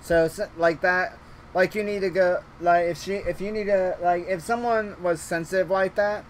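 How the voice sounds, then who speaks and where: A man's voice: high voice, fairly even intonation, moderate pace, slight background noise. A man streaming a visual novel, chatting casually in a rambling way with frequent restarts and laughter. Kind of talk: casual let's-play chat.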